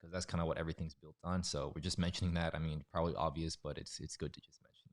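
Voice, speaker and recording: A man's voice: rumbling low, level tone, fast. Man on a mic cutting in and out. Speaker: co-host. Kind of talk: casual livestream chat.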